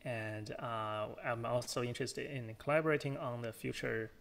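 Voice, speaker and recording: A man with a tired voice fields questions after his research talk. He speaks haltingly at a middle pitch, working out his answers as he goes. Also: fairly even intonation, vocal fry, a bit bright, a little hiss or hum. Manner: halting, restarts often with fillers. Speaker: guest speaker.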